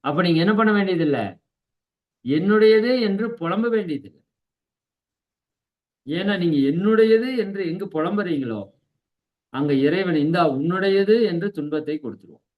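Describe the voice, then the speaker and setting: A man teaching a spiritual class, explaining scripture in a teacherly way, often checking with his listeners and slowing down to recite key lines. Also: high voice, lively intonation, muffled recording. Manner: teacherly, asks "right?" to check understanding; slows down to recite key verses.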